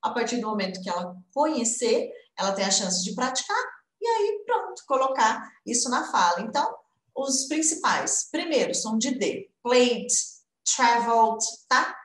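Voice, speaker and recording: A young adult woman with a Brazilian Portuguese accent, teaching an online English lesson in a lively way and slowly repeating example words. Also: fairly high pitch. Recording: roomy indoor echo.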